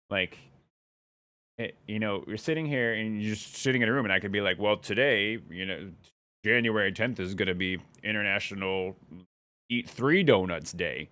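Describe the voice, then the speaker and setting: A young man chatting casually on a live stream, rambling and thinking out loud as he follows his curiosity. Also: lowish voice.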